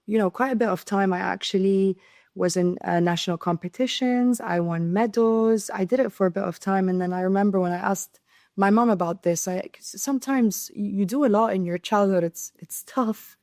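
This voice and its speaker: A young Syrian woman, a podcast guest, earnestly tells her story in conversational interview style, often restarting and repeating words. Her medium-pitched, slightly mellow voice moves at normal speed, captured in a dry, studio-quality recording.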